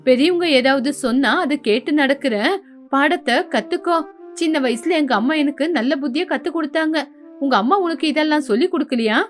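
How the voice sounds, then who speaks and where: Brief: woman playing a sarcastic scolding older mother-in-law, high voice, animated story. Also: a little fast, soft background music, close to an everyday voice. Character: bossy nagging elderly mother-in-law. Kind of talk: storybook voice acting.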